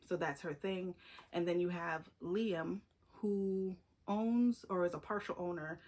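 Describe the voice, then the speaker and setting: A woman's voice: fairly low pitch, a little mellow. A woman talking casually to camera about her favorite books, chatty and gushing, with restarts and fillers. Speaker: book reviewer. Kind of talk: casual book review vlog.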